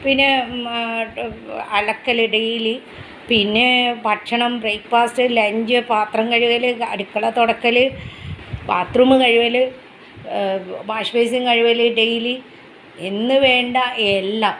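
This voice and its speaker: A woman's voice: a little high, fairly even intonation, slow, long pauses, a bit bright, slight background noise, poor audio. A middle-aged woman chatting casually to her viewers as a pet vlogger, rambling and restarting as she goes.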